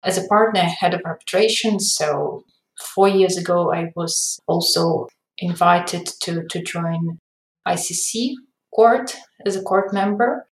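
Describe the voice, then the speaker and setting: A Ukrainian arbitration lawyer in her forties is a podcast guest, explaining things carefully with small slips in her English. Her lowish voice keeps a measured pace, but the room is echoey and the audio poor.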